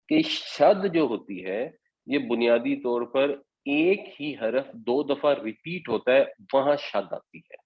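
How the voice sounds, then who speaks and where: A man teaching a scripture commentary class, walking listeners patiently through each point. His voice sits at an everyday middle pitch, and the recording has a slightly dull, lo-fi sound. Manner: patient step-by-step explaining. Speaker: Quran teacher. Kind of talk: Quran commentary lesson.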